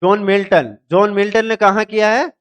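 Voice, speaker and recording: A man's voice: high-pitched, steady tone, moderate pace, a bit bright, smooth. A male teacher from India giving an exam-prep literature lecture, asking questions and answering them himself, repeating key terms.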